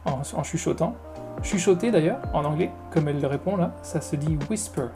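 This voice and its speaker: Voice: medium pitch, expressive, brisk, music in the background. A teacher patiently explaining English phrases in French, step by step, often repeating key words.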